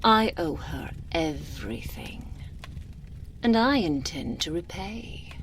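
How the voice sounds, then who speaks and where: Slow, haughty Lady Dimitrescu, played by a woman. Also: low-pitched, very animated, a little hiss or hum, full character voice. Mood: reverent, confiding. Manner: languid, haughty, theatrical, drifting into breathy near-whispers. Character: imperious, seductive aristocratic vampire lady, wounded pride. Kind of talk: intimate ASMR roleplay, theatrical monologue. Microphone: close binaural microphone.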